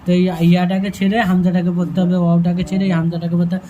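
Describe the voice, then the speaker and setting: A man teaching Quran reading, calling out letters slowly one by one and explaining in quick asides. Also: high-pitched, completely flat delivery, mellow, lo-fi sound, a little hiss or hum. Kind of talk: step-by-step reading lesson.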